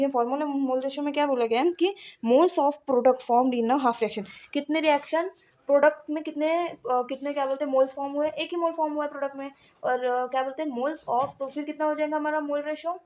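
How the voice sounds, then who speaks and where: A woman's voice: high-pitched, muffled recording. A woman teaching chemistry, working through a numerical problem step by step and asking the class questions, with fillers and self-corrections.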